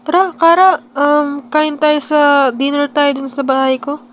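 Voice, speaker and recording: An excitable young woman vlogger narrates her horror game role-play, swinging from quiet asides to sudden yelps. Her voice is high, and faint noise sits behind it. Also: a little slow.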